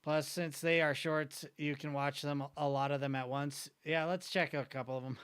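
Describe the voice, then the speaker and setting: Bright, clear-voiced male streamer. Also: fairly high pitch, steady tone, moderate pace. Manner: joking, self-mocking, rambling. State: slight wheeze. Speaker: streamer reacting to videos. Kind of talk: casual stream chat.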